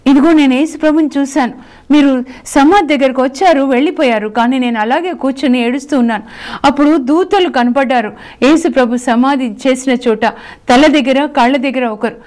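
An adult woman disciple bursts out her testimony in a bright, high, breathless rush, voiced by a woman preacher. She sounds eager and joyful, and speaks with a storyteller's earnestness. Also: moderate pace, natural voice. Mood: joyful, excited. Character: adult woman disciple telling of meeting the risen Lord.

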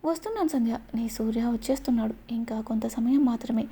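A woman's voice: on the high side, quick pace, warm tone, breathy edge. A woman voicing a devoted, earnest young man in a storybook romance. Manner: earnest, eager.

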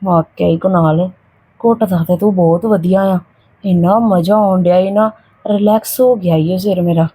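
A woman playing a sickly, put-upon young aunt who talks softly and wearily to a child in an amateur family drama. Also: lowish voice, fairly even intonation, moderate pace, breathy edge. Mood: relieved.

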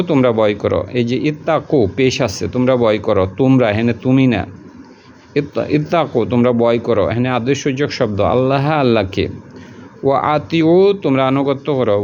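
A man's voice: mid-range voice, moderate pace, darkish tone, lo-fi sound, slight background noise. A man teaching a word-by-word translation lesson, repeating each word and its meaning in a patient, colloquial way.

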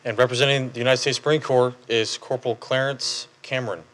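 A man's voice: medium pitch, steady tone, fairly bright tone. Man emceeing a memorial ceremony. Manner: brief, measured introductions. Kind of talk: formal ceremony announcements.

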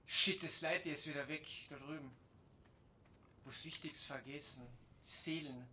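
A man from German-speaking Europe comments casually on his gameplay, mostly muttering to himself, with sudden bursts of excited swearing. His voice is very bright and sits a little high. A faint hiss of noise runs under the recording. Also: a little slow. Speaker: let's play gamer.

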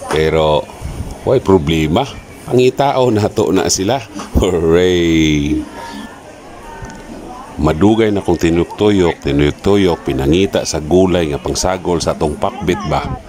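A cheerful man vlogging as he walks through a large indoor market, calling out loudly to vendors on a handheld phone. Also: low-pitched, unhurried. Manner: cheery, loud, calls out to vendors. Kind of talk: casual walking vlog. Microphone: phone held while walking. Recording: loud market noise behind.

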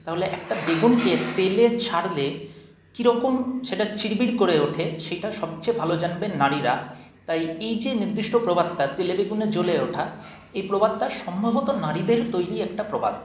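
A man's voice: sits high, expressive, a little fast. A man giving a slide lecture, explaining step by step and posing questions before answering them. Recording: echoey room with faint noise.

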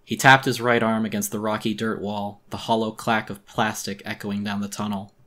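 A man's voice: on the low side, little pitch movement, moderate pace, a bit bright. A man reading a horror story aloud as a dramatic audiobook, with tense, suspenseful narration.

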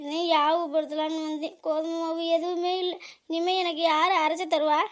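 A woman's voice: very high-pitched, little pitch movement, normal speed. A woman voicing an adult daughter in a cartoon comedy, wailing and accusing her relatives.

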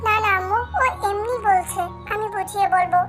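Shy scared young widow, a woman reading her, super high voice, music faint behind. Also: flat delivery, normal speed. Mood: anxious. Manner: fearful, soft. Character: young widow, timid and loving.

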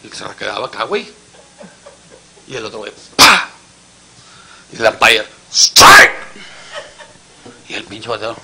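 A man's voice: lowish voice, very animated, fairly quick, creaky, long pauses, pushed and bright, a little hiss or hum. A man with a Mexican Spanish accent telling crude jokes in a casual storytelling style, acting out each character in his story. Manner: crude slang, acts out every character.

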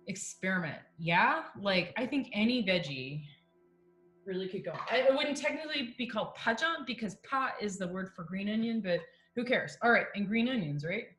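A woman's voice: a little high, a bit bright. A woman in her thirties chatting casually while she cooks at home, talking on a video call with plenty of fillers and asides. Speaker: composer and guest. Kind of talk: casual chat while cooking. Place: home kitchen, indoors. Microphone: video call laptop or webcam. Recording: echoey kitchen, faint music.

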